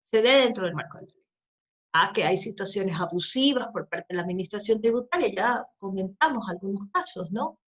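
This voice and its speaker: A woman's voice: mid-range voice, expressive, a little fast, a bit bright. A woman teaching a law class, stressing points by repeating them and checking in with tag questions. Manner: emphatic, repeats key phrases, frequent tag questions. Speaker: law lecturer. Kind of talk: lecture.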